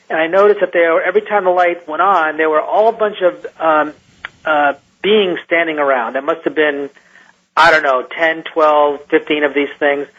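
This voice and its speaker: A man who is a scientist recounts an encounter in a radio interview, halting and restarting often as he talks. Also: fairly high pitch. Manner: halting, with many restarts and fillers. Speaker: guest scientist. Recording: muffled lo-fi radio line.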